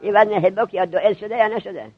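A man teaching a classroom grammar lesson to seminary students, drilling them with quick questions. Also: sits high, breathy edge, narrow, tinny audio.

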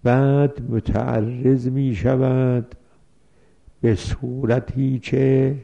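A man's voice: medium pitch, gravelly, dark tone. A man teaching a seminary lesson on religious law, reading out Arabic passages and explaining each one with worked examples. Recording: dull lo-fi recording.

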